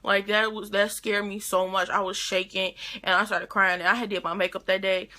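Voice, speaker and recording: A woman's voice: mid-range voice, flat delivery, a little fast, sharp tone. A teenage girl, retelling a story to her camera in a rambling, chatty way full of restarts. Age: teens. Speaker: vlogger.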